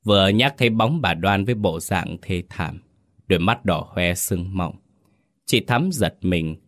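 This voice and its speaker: A man narrating a ghost story in a steady, dramatic way. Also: low voice.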